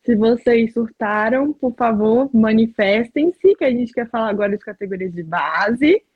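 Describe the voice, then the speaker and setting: A woman's voice: a little high, lively intonation, moderate pace, breathy edge, narrow, tinny audio. Pleading, dramatic woman live-streamer. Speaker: host. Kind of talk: casual live-stream chat.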